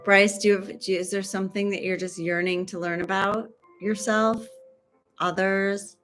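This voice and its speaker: A woman's voice: medium pitch, level tone, moderate pace, a bit bright, faint music behind. A woman casually reading tarot cards for her livestream, chatty and rambling, trailing off mid-sentence and throwing in joking asides. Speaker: tarot reader and stream host.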